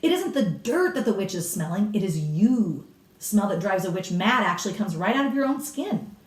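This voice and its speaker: Voicing a cigar-smoking storybook grandmother who is blunt, commanding, and delighted by gruesome witch lore, a woman explains things with emphatic relish and a snappish bite. Her natural mid-range voice is pushed up, swinging widely in pitch at a moderate pace. A far-off mic picks up plenty of room echo.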